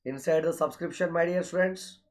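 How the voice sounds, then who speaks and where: A man's voice: a little high, steady tone, fairly quick. A man with a South Indian accent speaking as an online coaching teacher, announcing courses and schedules and repeatedly addressing his students. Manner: repetitive, often addresses students directly with filler okays.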